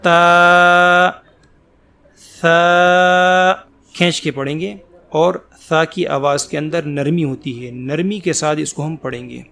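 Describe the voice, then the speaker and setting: Patient male Quran teacher, drawn-out letters. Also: on the high side, vocal fry. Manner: slow, drawn-out letter recitation; patient explaining between letters. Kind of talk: Quran letter pronunciation lesson.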